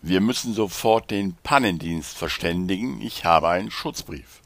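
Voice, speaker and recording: A practical, skeptical companion in a German audiobook, read by a male narrator, brisk and incredulous. The voice stays low and close, with a dry sound. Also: expressive, vocal fry, no room sound.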